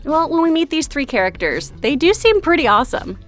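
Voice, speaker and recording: A woman's voice: sits high, sing-song, a little fast, fairly bright tone, soft background music. A woman with a twangy Texan accent hosting a scripted explainer, chatty and playful with casual asides. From Texas, USA. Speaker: video host.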